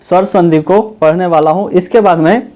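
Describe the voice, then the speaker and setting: A man with a high, warm voice teaches a Hindi grammar lesson. He puts questions to his students, answers them himself, and repeats the key words slowly.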